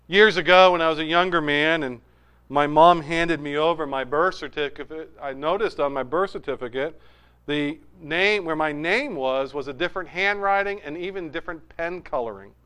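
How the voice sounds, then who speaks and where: High, smooth-voiced middle-aged male pastor. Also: moderate pace. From New Hampshire, USA. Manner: animated storytelling, with humor and asides. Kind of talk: conversational sermon.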